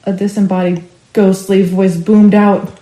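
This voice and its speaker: A woman storyteller reading a family ghost story aloud, expressive and rising with the action. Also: mid-range voice, unhurried, roomy sound, low-quality recording. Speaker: storyteller for a library. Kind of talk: scripted ghost story narration.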